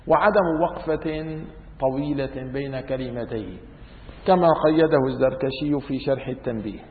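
A man teaching a religious lesson, lively and demonstrative with wry asides. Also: medium pitch, normal speed. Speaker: teacher of Islamic law. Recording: tinny phone-like sound in echoey hall.

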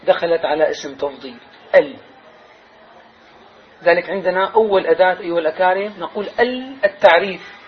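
Male teacher, fairly high voice, quizzes the class, slightly dull recording. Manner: questioning, drawn-out emphasis on key words. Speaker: Arabic grammar and rhetoric teacher. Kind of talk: classroom lesson. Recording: slightly dull sound, faint noise.

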